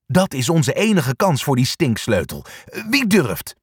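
A man's voice: medium pitch, wildly swooping pitch, measured pace, slightly rough, no echo, clean studio sound, heavily acted. A man voicing a brave, bossy male dog who leads the group and urges the others on. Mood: urging. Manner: urging, commanding.

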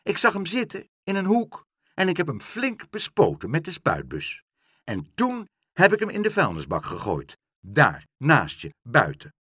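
A man's voice: on the high side, huge pitch swings, unhurried, a bit bright, slightly rough, no room sound, clean studio sound, voice pushed up, exaggerated voice. A man reading a storybook aloud, voicing a smug, bossy middle-aged woman who gloats over her neighbour. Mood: smug, haughty. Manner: haughty and gloating.

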